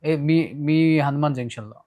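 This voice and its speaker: A man interviewing, putting short low-key questions and prompts. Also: normal speed, dark tone.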